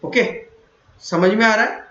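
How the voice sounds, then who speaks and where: A man's voice: sits high, measured pace, bright, forceful tone. A man teaching a math lesson, patiently repeating each point and quizzing his students as he goes. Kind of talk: explaining a classroom lesson. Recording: roomy, dull lo-fi recording.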